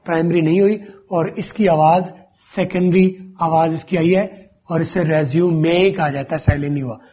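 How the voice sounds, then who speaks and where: A man teaching English pronunciation, explaining rules step by step and repeating words slowly to demonstrate them. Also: sits high, breathy edge, dull audio. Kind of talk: classroom-style explanation.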